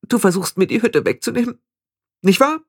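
A man reading the part of a vain, proud young witch girl in a high, boastful voice. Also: very animated, fairly quick, dry recording, studio quality. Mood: proud, anxious. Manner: high, boastful, near tears.

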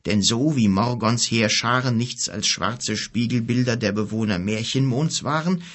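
A man voicing a wise, calm old wizard who speaks slowly and solemnly in a husky voice. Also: mid-range voice. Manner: slow, solemn, measured.

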